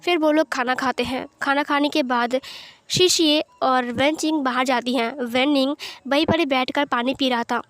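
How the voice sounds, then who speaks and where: A woman storyteller reads a fan fiction story aloud in an easy, conversational way. Her voice sits high. She moves the plot along plainly, without drama. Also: steady tone, moderate pace, a bit bright, no echo.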